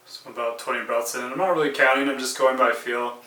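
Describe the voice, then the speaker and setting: Male vlogger, casual explainer delivery, mid pitch, roomy sound with the mic at a distance. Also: fairly even intonation, a little fast, bright, forceful tone. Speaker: vlogger demonstrating an ice bath. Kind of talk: casual vlog narration to viewers. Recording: echoey room, distant mic, clear background music.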